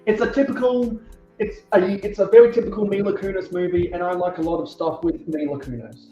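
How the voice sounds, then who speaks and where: A man's voice: sits high, brisk, warm tone. A man co-hosting a casual livestream chat, stammering through restarts. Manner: stammering restarts, breaks into sung theme songs. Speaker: co-host. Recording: distant echoey lo-fi mic with music.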